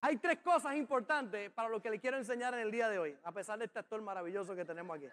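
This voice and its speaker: A man preaching with a strikingly high voice. He drives his points home with emphasis and bursts into shouts on key phrases. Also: quick pace. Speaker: pastor. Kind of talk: sermon.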